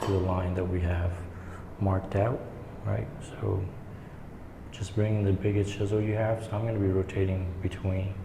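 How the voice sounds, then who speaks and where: A man giving a hands-on woodworking tutorial in an echoing stairwell, explaining step by step in a casual, halting way. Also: deep voice, little pitch movement, gravelly. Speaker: woodworking instructor. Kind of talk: hands-on tutorial, talking while working. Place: indoor staircase with strong echo. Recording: echoey stairwell, long reverb, background noise.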